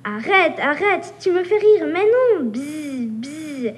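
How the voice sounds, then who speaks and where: A woman's voice: sits high, very animated, slow, heavily acted. A woman reading aloud as a cheeky, teasing little female mosquito, taunting and buzzing. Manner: taunting, playful, buzzing sounds. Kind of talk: reading a story aloud at a workshop.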